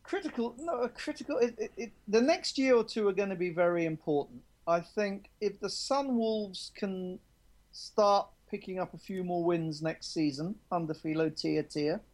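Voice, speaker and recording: A rugby journalist answers interview questions conversationally, in a high, slightly dark voice at normal speed. He speaks candidly and keeps restarting his sentences.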